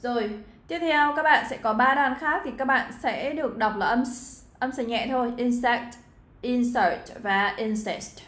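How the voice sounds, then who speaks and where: Vietnamese woman teacher going through exam answers, highish voice, chatty w lots of fillers, roomy echo. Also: moderate pace, a bit bright. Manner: chatty, addresses students directly, frequent fillers. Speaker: English teacher. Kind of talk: exam walkthrough lesson.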